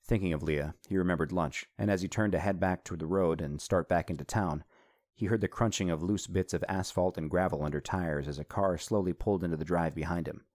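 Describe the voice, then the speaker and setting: A man narrating an audiobook in a steady, measured reading. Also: deep voice, no echo, clean studio sound.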